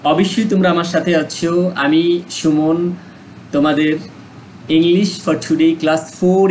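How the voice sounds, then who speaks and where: A man's voice: a little high, a little mellow, slight background noise, low-quality recording. A man with a Bangladeshi accent teaching an English lesson, mixing two languages and repeating words for students to practice. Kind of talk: online lesson explanation.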